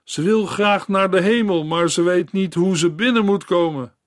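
A man's voice: sits high, normal speed, dry recording, clean studio sound, pitched above the performer's own voice, close to an everyday voice. A man voicing a poorly dressed young girl who begs urgently for help, reading a storybook tale aloud. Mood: pleading. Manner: begging, urgent. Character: poor young girl, pleading and desperate.

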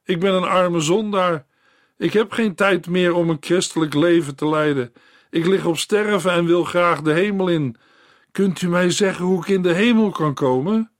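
A man's voice: on the high side, a little slow, no room sound, pitched above the performer's own voice, lightly acted. A frightened woman on her deathbed, anguished and remorseful, crying out in a lifted voice, as a male narrator puts her on. The storybook reading is close and dry.

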